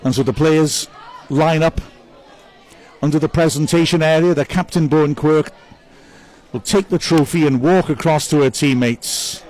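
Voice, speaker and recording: His pitch fairly high and his speed normal, a male club commentator runs through the players with upbeat, chatty praise and reads viewer messages aloud. His tone is a little mellow, though the audio is poor.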